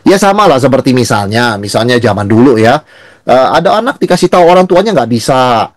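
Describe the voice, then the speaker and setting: A man's voice: medium pitch, big pitch swings, a little fast, no room sound, studio quality. A male pastor teaching a Bible study in a conversational way, often asking and answering his own questions. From Indonesia.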